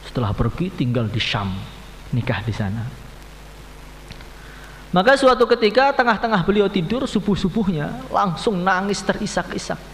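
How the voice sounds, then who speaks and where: Guy preaching in a mosque hall, high voice, gets loud then quiet, lots of arabic honorifics, echoey with a low hum. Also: sing-song, moderate pace, pauses often. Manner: impassioned storytelling, swinging between hushed low lines and raised high cries; peppers speech with Arabic honorifics. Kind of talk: evening sermon.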